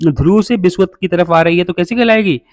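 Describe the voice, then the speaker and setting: A man teaching a geography lesson from a map in a fairly high voice, asking his students a question and then answering it himself. He runs through every item by number over and over and calls the listeners brother. The close mic sounds dry, with no room echo. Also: brisk. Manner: repetitive, drills names by number.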